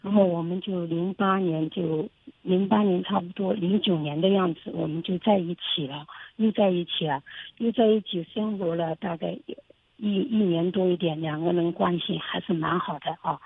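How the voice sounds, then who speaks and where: A woman's voice: on the low side, breathy edge, dry recording. A woman calling in to an advice show, speaking hesitantly and often repeating herself. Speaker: caller. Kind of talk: call-in advice talk. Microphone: phone. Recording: phone line.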